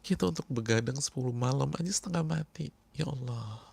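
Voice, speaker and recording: A man preaching a sermon to a congregation, speaking emphatically and repeating key words, often dropping to hushed tones. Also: mid-range voice, brisk, gravelly, husky. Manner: addresses the congregation directly. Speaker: Islamic preacher.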